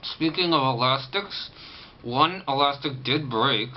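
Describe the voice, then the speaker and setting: A man speaking casually in a halting way with tight-jawed articulation from a sore, banded jaw, as if to viewers of a personal vlog. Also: mid-range voice. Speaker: vlogger. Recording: muffled, lo-fi camera audio with clear background noise.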